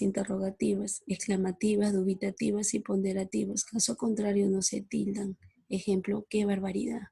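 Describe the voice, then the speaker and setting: A woman giving a recorded slide-presentation lesson, reading out rules and examples in a measured, explanatory way. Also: medium pitch, vocal fry, dark tone, breathy edge. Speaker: teacher.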